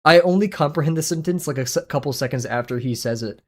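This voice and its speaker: Talking quickly in a fairly high voice, a young art streamer rambles casually through fillers and self-deprecating remarks as he draws. He broadcasts from a small home room on a headset with a boom mic.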